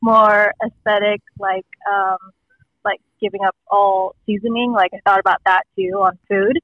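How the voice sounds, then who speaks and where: A woman's voice: medium pitch, level tone, moderate pace, no room sound. A woman heard over a phone on speakerphone, chatting casually as a phone-in guest with lots of "like" and "um" fillers and frequent laughs. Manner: rambling with many "like" and "um" fillers, laughs often. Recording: dull lo-fi phone line.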